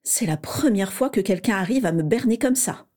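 A woman reading the lines of a proud, curt teenage girl witch in a storybook reading, in a higher, mellow voice. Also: animated, moderate pace, close to an everyday voice. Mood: curt indignant. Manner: sharp, curt.

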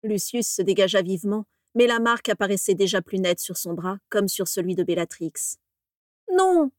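A woman narrating a story in a measured, steady audiobook reading. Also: medium pitch, no room sound, clean studio sound.

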